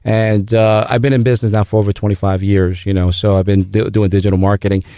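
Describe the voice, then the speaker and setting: Halting, gravelly middle-aged man. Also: on the low side, level tone, dark tone, no echo, studio quality. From El Salvador. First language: Spanish. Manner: halting, many restarts and fillers. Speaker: guest, business founder. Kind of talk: radio interview.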